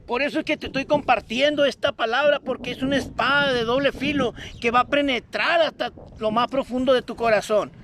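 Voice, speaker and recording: A man's voice: very high-pitched, fairly quick, hardly any pauses, background noise. A man preaching a fervent sermon to a streamed audience, exhorting listeners with repeated, insistent phrases. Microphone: streamed broadcast.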